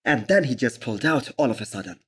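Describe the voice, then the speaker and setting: A man's voice: medium pitch, lively intonation, quick pace, breathy edge. A man giving an emphatic, opinionated sports commentary voice-over, speaking directly to viewers as host of a fitness channel.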